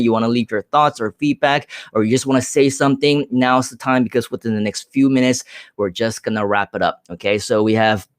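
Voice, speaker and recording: A man's voice: mid-range voice, clean tone, no room sound, clean studio sound. A man from Hong Kong hosting a live stream, answering viewer comments in an upbeat, direct way with frequent filler sounds.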